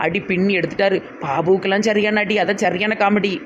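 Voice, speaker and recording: A man with a Tirunelveli Tamil accent acting in a comedy sketch, talking in an excitable, complaining way. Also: high-pitched, brisk, a little hiss or hum. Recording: dull lo-fi sound.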